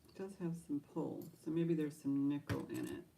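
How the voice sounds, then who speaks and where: Gravelly, low-voiced woman auctioneer. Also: fairly even intonation, normal speed, warm tone, slight background noise. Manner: chatty, enthusiastic, talks to herself while handling items. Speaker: live auction host.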